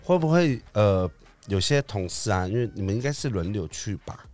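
A man's voice: fairly low pitch, lively intonation, normal speed, darkish tone, no room sound, faint music behind. A man hosting a casual podcast, asking his guests questions in a playful way. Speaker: podcast host. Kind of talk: casual interview chat.

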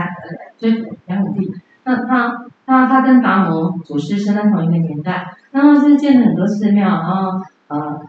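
A woman's voice: on the low side, mellow, slight background noise. A woman giving a lecture on Buddhist teaching who chats with her class and often asks them questions. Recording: very echoey, dull lo-fi room.

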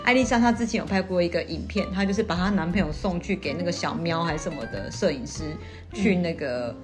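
A woman with a Taiwanese accent telling personal stories in a casual, animated chat, often repeating phrases for emphasis. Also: fairly low pitch, fast talker. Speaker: podcast co-host. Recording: music behind the voice.

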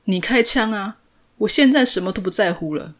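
Woman putting on a wrecked young guy yelling through tears, pitched up and loud. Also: big pitch swings, normal speed, gravelly, exaggerated voice. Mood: defiant. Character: grief-stricken young man, defiant and desperate.

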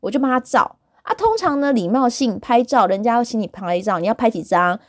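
A woman tells casual stories as a podcast host, and her pitch swings widely as she acts out the people she quotes. The recording is dry and close, with no room echo. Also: brisk. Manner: animated, acts out quoted voices. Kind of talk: casual storytelling.

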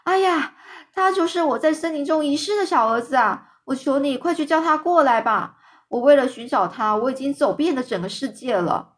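A woman's voice: on the high side, lively intonation, brisk, natural voice. A woman voicing a ragged old beggar woman, a grieving mother who pleads tearfully, in a children's storybook reading. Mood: pleading.

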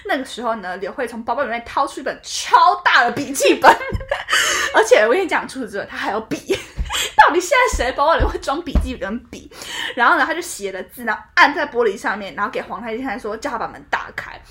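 A young woman chatting casually about an old drama, her voice bright and higher than most. She swings widely in pitch, laughing and swearing mildly as she pokes fun at scenes. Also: quick pace, few pauses, a little hiss or hum. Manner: animated, swears and laughs while ranting. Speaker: co-host. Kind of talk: casual chat reviewing a drama.

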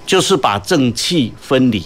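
A man with a Taiwanese Mandarin accent speaks as an executive guest in an interview. His pitch is average for a man, and he explains things haltingly, in short phrases ending in particles. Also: expressive, a bit bright. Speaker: guest, port company executive.

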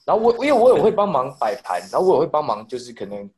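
Fast-talking young Taiwanese man. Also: a little high, sing-song, over a noisy crowd. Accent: Taiwanese Mandarin. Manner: rapid rambling storytelling with swearing and restarts. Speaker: podcast co-host telling a story. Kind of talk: casual chat.

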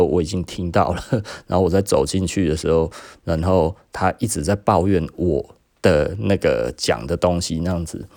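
Host: Taiwanese Mandarin man in his 40s, low and warm voice, dry close sound, chatty storyteller who laughs a lot. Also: creaky, no room sound. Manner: chatty, laughs often, acts out quotes. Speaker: podcast host and business owner. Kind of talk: casual storytelling monologue.

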